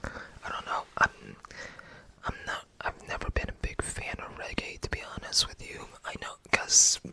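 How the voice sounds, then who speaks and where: An ASMR creator from the United States rambling casually in a breathy whisper, hesitant, self-effacing and often searching for words. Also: moderate pace, bright, forceful tone, dry recording, poor audio.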